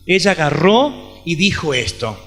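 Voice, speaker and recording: A man preaching in Rioplatense Spanish, retelling a woman's story and her doctor's words, his voice swinging from loud stresses to hushed lines. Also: fairly high pitch, very animated, unhurried, soft background music. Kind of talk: sermon with retold dialogue. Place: large event hall.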